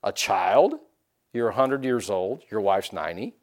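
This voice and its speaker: A man pastor preaching a sermon in a folksy, animated way, acting out quotes and leaning on "you know". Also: fairly low pitch, measured pace.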